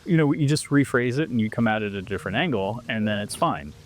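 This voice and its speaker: Talking fast in a mid-range voice, a Canadian guest living abroad chats casually during an interview. As he tells his stories, he animatedly acts out the quoted back-and-forth.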